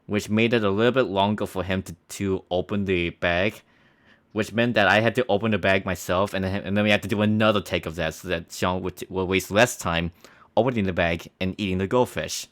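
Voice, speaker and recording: A man's voice: low voice, fairly even intonation, brisk, fairly bright tone. A young man casually commenting on his old school video, rambling with many restarts and small laughs.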